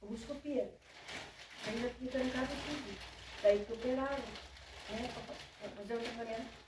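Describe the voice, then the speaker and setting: A woman's voice: on the high side, fairly even intonation, moderate pace, noisy background. An older woman telling her life story in casual talk, devout and often quoting prayers and her grandmother. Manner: devout, retells prayers and quotes elders. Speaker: interviewee. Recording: echoey room from far off.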